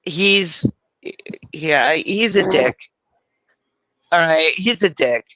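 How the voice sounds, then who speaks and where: A woman's voice: deep voice, lively intonation, very slow, sharp tone, dry recording, dull audio. A middle-aged woman hosting a livestream, rambling and crude, mocking herself as she chats. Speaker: livestream host. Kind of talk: casual livestream chat.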